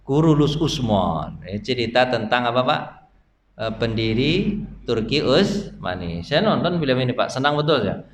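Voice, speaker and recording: A man's voice: medium pitch, sing-song, normal speed. A man, giving a conversational dawn study lecture in a mosque, constantly quizzing his listeners and using homely, humorous examples. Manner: chatty, quizzes the audience with constant questions. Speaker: Islamic preacher. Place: mosque hall. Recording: echoey mosque hall, faint background noise.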